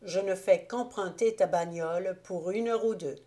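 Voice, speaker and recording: A woman voicing a bold adventurous man who gives gruff, mocking orders in an audiobook. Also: fairly low pitch, normal speed, warm tone, close to an everyday voice. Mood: menacing.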